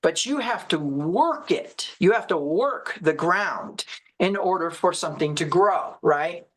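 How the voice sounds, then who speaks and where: A woman teaching a sermon at a ministry service, deliberate, repeating key phrases and checking in with her listeners. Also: fairly low pitch, animated, low-quality recording. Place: church service.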